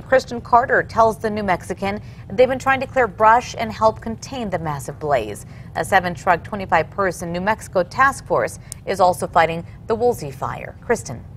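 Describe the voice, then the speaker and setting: A woman's voice: lowish voice, lively intonation, fairly quick, a little hiss or hum. A woman working as a news anchor, reading scripted television news stories.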